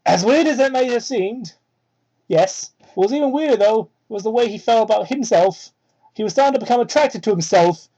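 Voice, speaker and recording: With a warm, husky voice and lively intonation, a woman reads fan fiction a little fast as an amateur, pausing for sweary, mocking asides. Her cheap microphone leaves the dramatic reading sounding muffled and low-quality.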